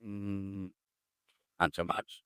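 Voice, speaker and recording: A man's voice: deep voice, little pitch movement, extremely slow, pushed and bright, smooth, no echo, clean studio sound. A man thinking aloud as he works through code, muttering, humming and trailing off as he goes. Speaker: programmer streaming his coding work. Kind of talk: casual think-aloud coding session.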